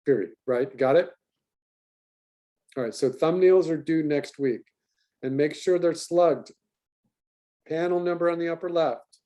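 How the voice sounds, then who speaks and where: A man teaching an online animation class in an animated, talkative way. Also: on the high side.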